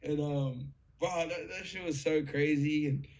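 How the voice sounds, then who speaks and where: A young man with a gravelly, slightly higher voice, telling a story in an excited, casual way. He swears freely and leans on lots of fillers as he talks. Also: unhurried. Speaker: guest musician.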